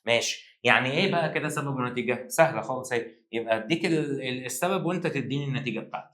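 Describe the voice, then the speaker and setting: Young Egyptian male teacher, rapid and joking, mid-pitched voice, reverberant room. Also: a bit bright. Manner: playful, teasing, rapid colloquial banter. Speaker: Arabic teacher. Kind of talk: joking exam-prep lesson. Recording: echoey room.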